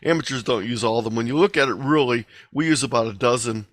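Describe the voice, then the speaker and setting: Over a video call microphone, a man presents an instructional webinar lecture with slides, explaining things in a measured, deliberate way. His pitch is medium and the recording is dry, with clean studio sound.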